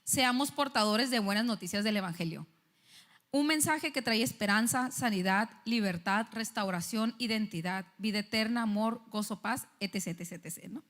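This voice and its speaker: A young woman, preaching a sermon and telling a personal story with animated, acted-out dialogue. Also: mid-range voice, moderate pace. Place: church stage. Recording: church hall with long reverb.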